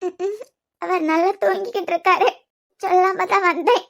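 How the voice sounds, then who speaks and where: A woman's voice: very high voice, fairly even intonation, normal speed, vocal fry, a bit bright, full character voice. A woman voicing a tearful young wife with a Kanyakumari accent. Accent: Kanyakumari Tamil. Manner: pleading, sniffling. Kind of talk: cartoon web series voice acting.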